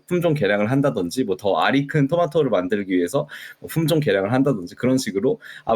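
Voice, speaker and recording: A man's voice: mid-range voice, darkish tone. A man co-hosting a casual podcast, explaining at length with many fillers. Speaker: podcast co-host.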